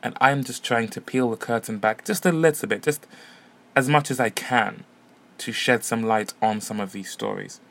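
A man's voice: medium pitch, lively intonation, normal speed, gravelly, a bit bright. A man hosting a podcast, chatting easily as he introduces and interviews performers at a music venue. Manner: chatty, easygoing. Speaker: podcast host. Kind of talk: casual podcast narration and interviews. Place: music venue and street outside.

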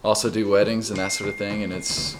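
A man's voice: on the low side, little pitch movement, brisk. A man in his twenties with a Southern US accent, a podcast guest chatting in a laid-back, joking way. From Texas. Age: 20s. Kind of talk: casual chat. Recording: live room with crowd noise behind.

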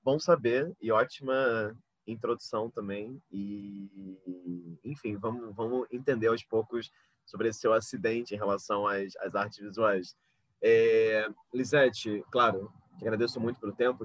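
A man with a Brazilian accent and a fairly low voice conducts a polite, rambling, conversational interview, approaching his questions in a roundabout way. He speaks a little slowly with fairly even intonation, in a roomy, dull lo-fi recording.

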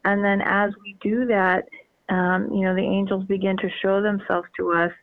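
A woman's voice: medium pitch, flat delivery, normal speed, creaky, no room sound. A woman from the Northeastern US, a guest on a radio show, talking enthusiastically with lots of fillers over the phone. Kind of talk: radio call-in conversation. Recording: tinny phone line.

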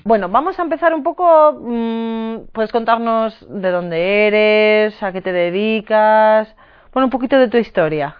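A woman's voice: a little high, unhurried, clean tone. A woman hosting an interview, asking questions in a friendly, informal way. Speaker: host. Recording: muffled with faint music.

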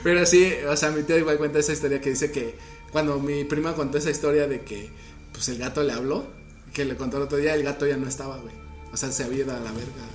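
A man's voice: medium pitch, steady tone, fast talker. Slangy young Mexican man in echoey room. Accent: Mexican Spanish. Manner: slangy, laughing storyteller. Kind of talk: casual chat, telling spooky stories. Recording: echoey room with faint music.

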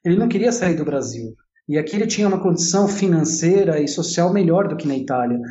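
Animated and fast, with a slightly high voice and a dark tone, a São Paulo-accented entrepreneur in his forties shares his own story as an interview guest. He comes from Italy and São Paulo, Brazil, and talks casually, often restating and rephrasing. The recording is roomy and slightly dull.

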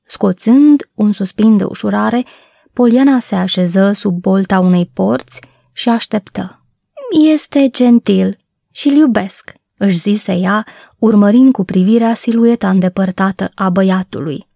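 A woman reads a storybook aloud in a calm, measured way. Her voice is gravelly and mellow. The recording sounds close and dry. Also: mid-range voice, no room sound. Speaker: narrator. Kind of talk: audiobook narration.

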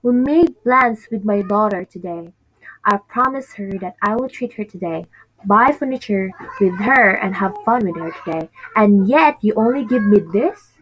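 Husky-voiced woman as a devoted single mom. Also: medium pitch, moderate pace, lightly acted, poor audio. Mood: pleading. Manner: earnest, emotional. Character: struggling single mother, devoted and determined. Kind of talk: amateur audio drama acting.

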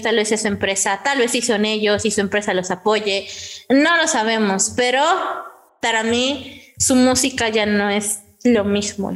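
A young woman hosting a casual podcast, animated and laughing as she tells a story. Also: a little high. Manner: animated, laughing, acts out quotes. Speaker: podcast co-host.

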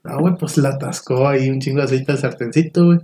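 A man's voice: medium pitch, steady tone, quick pace, warm tone. A young man with a Mexican accent telling a party story in slangy casual chat, saying "güey" often. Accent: Mexican Spanish. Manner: slangy, says "güey" constantly. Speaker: podcast guest.

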